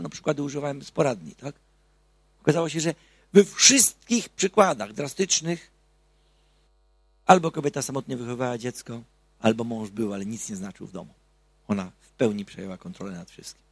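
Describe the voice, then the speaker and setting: A man giving a lively talk to an audience, firing rhetorical questions and swinging between loud outbursts and quiet asides, with a husky voice. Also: mid-range voice, no echo. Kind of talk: lively public talk on marriage and society.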